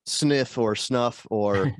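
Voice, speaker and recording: Stuffed up by a sinus infection, this musician chats casually as a video-call interview guest, rambling, putting himself down and using many fillers. His voice is mid-range and slow, and the recording is dry.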